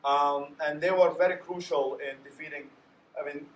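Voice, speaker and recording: A man's voice: on the high side, fairly even intonation, moderate pace. A man from Iraq, answering as a panelist in an earnest, winding way with many restarts. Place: lecture hall. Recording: echoey hall, distant mic, faint hiss.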